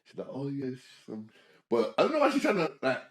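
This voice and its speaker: With a mid-range voice and a brisk delivery, a young adult podcast co-host spins a slangy story in casual chat, animatedly voicing and quoting the people in it. The room has an echo.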